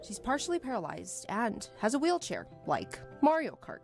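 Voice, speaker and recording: A woman reporter tells a feature story in polished, scripted news narration. Her pitch moves a lot, rising and falling as she goes. Music plays underneath her voice. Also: moderate pace, gravelly. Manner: lively, expressive storytelling delivery. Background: background music.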